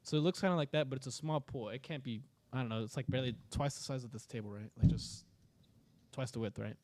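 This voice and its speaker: A man's voice: medium pitch, quick pace, darkish tone, a little hiss or hum. A young man casually telling a spooky story to friends on a podcast, rambling with many fillers and restarts.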